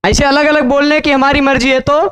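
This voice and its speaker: A man's voice: very high voice, flat delivery, brisk, fairly bright tone. A man teaching Sanskrit grammar in a lecture, explaining step by step, repeating key phrases and asking checking questions.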